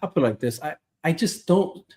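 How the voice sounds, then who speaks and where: A man's voice: on the high side, expressive, a little fast, a little mellow. A man hosting a podcast in casual chat, rambling with lots of fillers. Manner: rambling, heavy on "you know" fillers. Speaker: podcast host.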